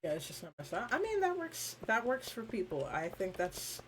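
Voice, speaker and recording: A woman's voice: medium pitch, wildly swooping pitch, fairly quick, a little hiss or hum, rough recording. A woman streamer chatting casually and rambling with her viewers, informal, with lots of fillers and the odd swear.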